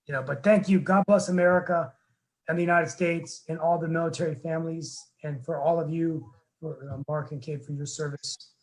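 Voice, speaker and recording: A man hosts a webinar over a video call. His voice sits a little high for a man. He rambles earnestly, with many restarts and fillers. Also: fairly even intonation, normal speed, rough recording. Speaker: webinar host, town council member. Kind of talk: casual webinar talk.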